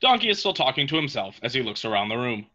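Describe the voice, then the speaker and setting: A man's voice: medium pitch, sing-song, fast talker, pushed and bright, lo-fi sound. A man reading stage directions as scripted narration between the characters' lines.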